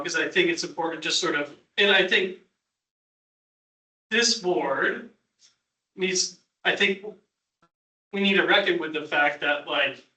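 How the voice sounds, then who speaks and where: A man on a board, speaking in a measured, hedging way during a public meeting discussion. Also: on the high side, pushed and bright. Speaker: board member. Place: meeting room. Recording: echoey meeting room from far off.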